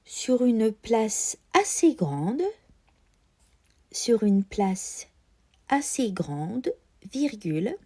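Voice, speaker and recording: A woman dictating as a teacher, enunciating each phrase carefully and deliberately. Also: on the high side, big pitch swings, dark tone, breathy edge. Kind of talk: dictating slowly, repeating phrases and speaking punctuation aloud.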